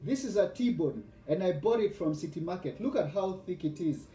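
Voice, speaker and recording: A man's voice: sits high, expressive, normal speed, dark tone, reverberant. A man in his forties with a Kenyan accent, hosting a casual live cooking vlog in a chatty, boastful way and greeting viewers by name. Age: 40s. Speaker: host.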